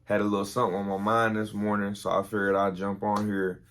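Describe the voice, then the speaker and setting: A man's voice: fairly low pitch, flat delivery, fast, a bit bright. A tired young man, telling an army story in a casual, rambling way with many fillers. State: tired, early morning. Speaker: vlogger, army veteran.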